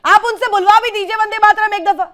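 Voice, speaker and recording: Insistent high-pitched female anchor. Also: steady tone, fast talker, sharp tone. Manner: insistent, cuts in to steer. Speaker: news anchor. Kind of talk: moderating a TV debate.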